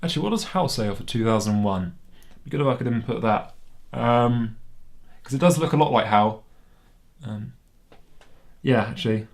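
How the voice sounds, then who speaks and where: A man's voice: mid-range voice, animated, moderate pace, pauses often. A man with a British accent giving a casual, sceptical toy review at home. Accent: British English. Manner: sceptical, wry and conversational.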